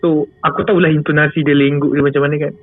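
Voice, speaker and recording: A Malaysian-accented man tells a scary story in a relaxed way as a guest storyteller, sounding chatty, repeating himself and chuckling a lot. His voice is fairly high and flat, and he talks at a racing pace. The recording is tinny and phone-like with no room sound, and faint music plays behind him.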